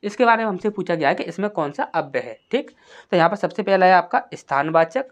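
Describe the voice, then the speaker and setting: A woman leads an exam-prep grammar lesson, posing questions and answering them herself while reading example sentences slowly and deliberately. Her voice sits on the low side and is expressive, though the audio is dull.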